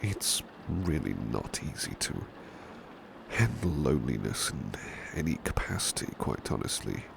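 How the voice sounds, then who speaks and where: In a soothing ASMR roleplay, a man plays a devoted, gentle British butler, his very deep, gravelly voice often slipping into a breathy whisper. He uses courteous, old-fashioned formal phrasing, unhurried and with big pitch swings in a full character voice. Ambient rain sounds fill the otherwise clear background.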